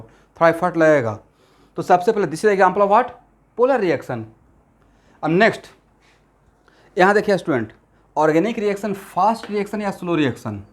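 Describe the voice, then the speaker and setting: A male chemistry teacher with a slightly high voice lectures his class in Assamese-influenced Hindi sprinkled with English terms. He asks the class questions constantly.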